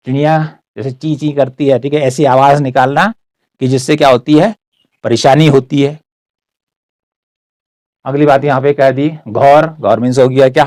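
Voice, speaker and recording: A man's voice: medium pitch, a little mellow, dry recording, clean studio sound. A man explains words one by one as a teacher, often checking in with "ठीक है". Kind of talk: explanatory word-by-word lesson.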